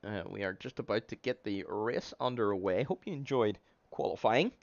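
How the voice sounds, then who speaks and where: A man's voice: lowish voice, normal speed, creaky, dry recording, muffled recording. A man giving casual live commentary on an online race stream, chatty and full of fillers. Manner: chatty, laughs easily, many fillers.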